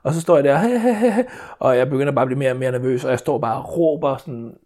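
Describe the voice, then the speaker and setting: A man's voice: mid-range voice, a little mellow. A man, telling a story as a father in casual chat, rambling with many restarts and fillers.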